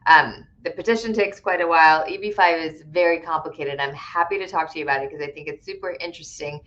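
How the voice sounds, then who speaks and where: A woman's voice: low voice, quick pace, a bit bright, lo-fi sound. A woman immigration attorney answering viewer questions on a live stream in a conversational, explanatory way, with frequent "right?" tags and filler words. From Connecticut, USA.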